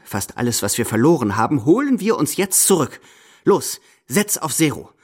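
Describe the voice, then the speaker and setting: A man's voice: mid-range voice, big pitch swings, normal speed, husky, pitched above the performer's own voice. A man voicing an imperious, impatient old grandmother at the roulette table, scolding and hissing orders. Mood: bossy, impatient.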